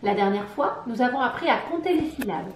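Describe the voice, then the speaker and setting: A woman with a French accent, teaching syllables to a young child, clapping out each syllable slowly and asking questions. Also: on the high side, lively intonation, echoey room, slight background noise. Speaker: preschool teacher. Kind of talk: slow, sing-song phonics lesson for young children.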